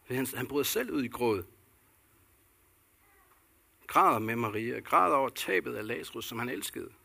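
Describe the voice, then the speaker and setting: Gravelly-voiced man preaching a sermon. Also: medium pitch, animated, sharp tone. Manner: earnest preaching with rhetorical questions and repetitions. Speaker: pastor.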